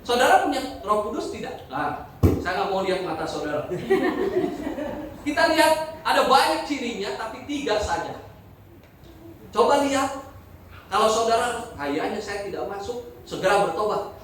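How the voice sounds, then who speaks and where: A pastor preaching a sermon in a church, joking and asking the congregation questions. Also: male voice, very high voice, sing-song, normal speed, pauses often, fairly bright tone, a little hiss or hum. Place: church hall. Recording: very echoey hall, from a distance.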